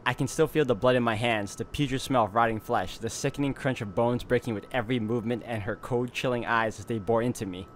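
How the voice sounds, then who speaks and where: Fast and with hardly any pauses, a let's play host speaks at a medium pitch, with a little hiss or hum in the audio. He mixes game commentary with dramatic read-alouds of visual novel narration, reacting openly as he goes.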